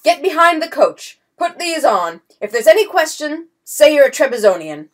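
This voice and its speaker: A woman's voice: high-pitched, very animated, normal speed, voice pushed up. A woman reading a storybook voices a blustering, pompous swindler count who barks commands. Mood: urgent. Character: blustering swindler count, grown man, bold. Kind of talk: audiobook character voice.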